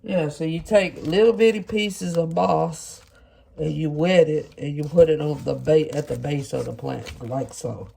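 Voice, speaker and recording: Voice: medium pitch, measured pace, vocal fry, warm tone, a little hiss or hum. A plant vlogger with a stuffy, blocked-nose voice, casually explaining things step by step to viewers in a folksy way. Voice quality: stuffy, congested nasal voice. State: congested after sinus surgery. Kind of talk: casual hands-on demonstration to viewers. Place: home kitchen at the counter.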